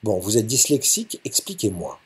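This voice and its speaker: A man's voice: fairly low pitch, very animated, moderate pace. A man voicing a serious, composed young woman tutor who asks precise questions in a storybook reading. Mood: measured.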